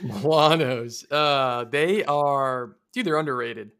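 An easygoing man chatting on a podcast, relaxed and unhurried. His voice sits at a middling pitch. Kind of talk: casual podcast chat.

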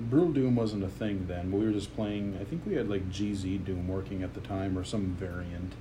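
A man's voice: on the low side, warm tone, slight background noise, low-quality recording. A man co-hosting a casual podcast about video games, talking in a rambling way and often restarting his sentences. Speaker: podcast co-host. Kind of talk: casual gaming chat.

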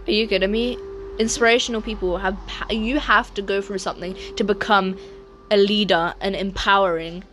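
A woman's voice: mid-range voice, steady tone, moderate pace, a bit bright, a little hiss or hum. A young woman co-hosting a podcast, chatting casually and emphatically, often saying "like" and laughing. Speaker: podcast co-host. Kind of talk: casual chat.

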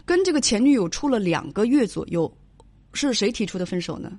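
Woman, advice show host, quick speech, direct probing questions. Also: medium pitch, lively intonation, darkish tone, dry recording.

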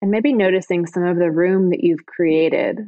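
A woman leading a guided body-scan meditation in slow, soft, soothing phrases. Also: lowish voice, no room sound, dull audio.

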